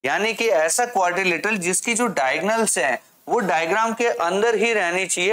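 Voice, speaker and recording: A man with a high-pitched, slightly bright voice gives a classroom maths lesson. He poses questions and answers them himself, reading English aloud slowly as he explains.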